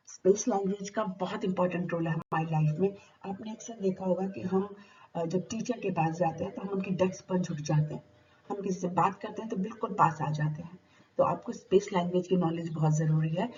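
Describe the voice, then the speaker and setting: A woman's voice: lowish voice, mellow. A woman teacher giving a lecture, asking herself questions and answering them. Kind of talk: explanatory lecture. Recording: dull, slightly distant recording with faint noise.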